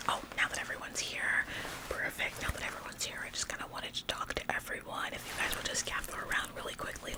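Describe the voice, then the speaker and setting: A woman whispers an ASMR roleplay as a chirpy, fussy office employee who is overeager and officious, bossing people around politely as though she were the boss. Her voice sounds natural, though the recording is rough.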